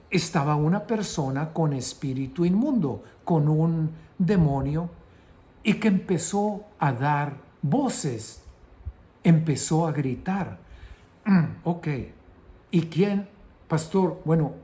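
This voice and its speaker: A man's voice: fairly high pitch, mellow. A male pastor teaching a sermon, asking rhetorical questions and repeating phrases for emphasis.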